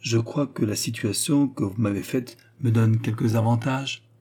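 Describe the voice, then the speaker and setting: A man's voice: medium pitch, normal speed, warm tone, close to an everyday voice. A man voicing a cold, courteous aristocratic vicomte who speaks with haughty politeness.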